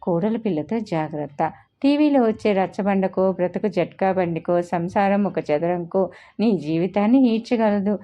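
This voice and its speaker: A woman's voice: medium pitch, moderate pace, dark tone, natural voice. A woman narrator voicing a worried mother giving a warning, in a storybook reading. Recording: dull lo-fi recording.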